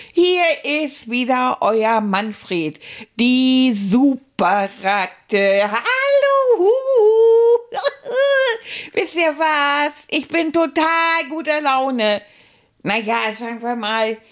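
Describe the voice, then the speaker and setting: A woman voicing a cheerful, boastful male stuffed rat puppet who chats playfully to children as a storyteller. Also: on the high side. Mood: excited, chatty. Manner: playful, exclamatory, boastful, chatty.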